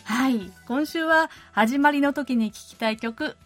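A woman's voice: high-pitched, a little slow, over music. A woman hosting a radio show, chatting in a friendly, easygoing way and reading listener letters in a studio. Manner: friendly, chatty, uses many fillers. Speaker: radio host.

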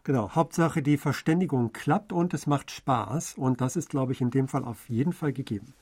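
A man co-hosting a radio program, explaining in conversation in a fluent, measured way. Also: medium pitch, a little mellow, slightly rough.

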